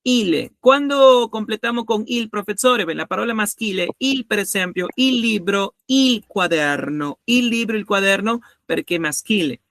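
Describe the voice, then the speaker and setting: A man's voice: high voice, expressive, normal speed, gravelly, few pauses, a bit bright, dry recording, clean studio sound. A man teaching a grammar lesson, patiently repeating each example and checking that students follow. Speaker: language teacher.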